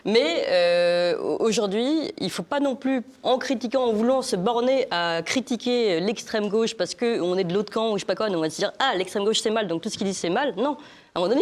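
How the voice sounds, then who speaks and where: A woman on a talk show panel, speaking in a measured, hesitant way with many fillers. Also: medium pitch.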